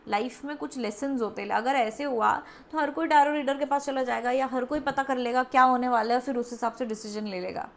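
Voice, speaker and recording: High-voiced chatty tarot reader woman. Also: steady tone, fairly quick, hardly any pauses. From India. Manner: chatty, coaxing, acts out the listener's doubts. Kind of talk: pick-a-card tarot reading.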